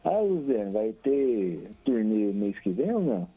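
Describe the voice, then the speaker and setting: A man's voice: fairly low pitch, sing-song, takes it slowly, slightly rough. A Brazilian man calling in to a radio show over a crackly phone line that keeps cutting out. He chats cheerfully, laughs often and reels off long lists of names. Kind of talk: casual chat and shout-outs on air. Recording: tinny phone line with faint music.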